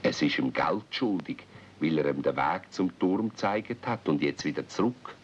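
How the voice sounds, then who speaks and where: Narrating as the storyteller of a children's radio play, this Swiss-accented man has a very deep, animated voice and speaks at a normal pace. The old cassette recording is dull, with faint noise.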